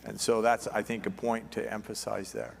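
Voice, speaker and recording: A man moderating a conference panel, relaxed and often restarting his sentences. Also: lowish voice, moderate pace, vocal fry, slight background noise. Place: conference hall. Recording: reverberant conference hall.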